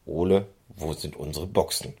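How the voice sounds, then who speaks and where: A man's voice: extremely low pitch, steady tone, moderate pace, vocal fry, mellow, husky, full character voice. A man voicing a stubborn, cheeky young male pony in a storybook reading, indignant and sulky.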